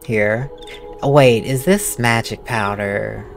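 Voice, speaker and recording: A let's play gamer talks casually in a mid-low speaking voice. The commentary is playful, with sarcastic asides, and game music plays clearly behind it. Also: slow.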